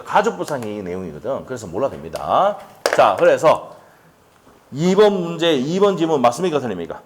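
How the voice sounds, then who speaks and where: Lively middle-aged man lecturing on law. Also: a little high, slight background noise. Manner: animated, rhetorical questions, asides. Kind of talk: exam-prep lecture.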